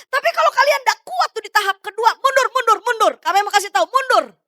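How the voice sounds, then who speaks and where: A woman pastor delivers a sermon in a very high, sharp-edged voice. She urges loudly, then drops into soft, low asides. The sound is close and dry. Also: animated, fast talker, dry recording. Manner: emphatic, swings between loud urging and soft low asides.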